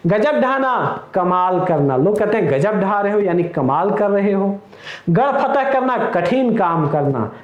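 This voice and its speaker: Guy teaching an exam prep class, kinda high voice, echoey muffled recording. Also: sing-song, a little slow. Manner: explains each idiom with everyday example sentences; addresses viewers as friends. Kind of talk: recorded lecture.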